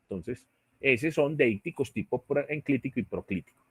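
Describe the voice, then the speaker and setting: A man's voice: mid-range voice, lively intonation, moderate pace, breathy edge, no room sound, studio quality. A male teacher with a Colombian Spanish accent, lecturing an online class and often checking in with his students. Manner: explanatory, checks in with "¿sí?" and "¿cierto?". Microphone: computer mic on a video call.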